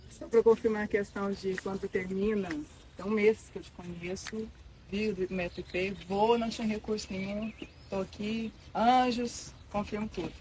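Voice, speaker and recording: A woman's voice: medium pitch, steady tone, normal speed, warm tone, a little hiss or hum, low-quality recording. Woman asking plain questions. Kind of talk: casual conversation.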